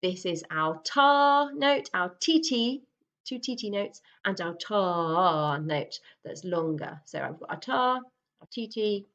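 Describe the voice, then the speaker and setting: Slow, encouraging woman music teacher. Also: mid-range voice, expressive, fairly bright tone, reverberant, muffled recording. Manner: patient, encouraging, counts aloud and sings examples. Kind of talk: recorded school music lesson.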